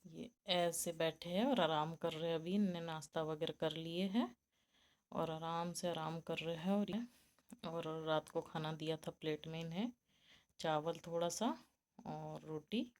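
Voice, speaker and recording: A chatty woman speaking, addressing her viewers as friends in a relaxed home vlog. Her tone is tired and homely. Now and then she slips into a high, cooing sing-song voice for her pets. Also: measured pace. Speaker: vlogger.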